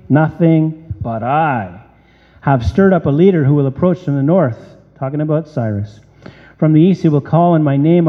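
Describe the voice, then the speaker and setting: Animated preacher in a reverberant hall. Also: male voice, fairly high pitch. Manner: animated, rhetorical questions. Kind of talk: sermon. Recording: dull lo-fi sound with long hall reverb.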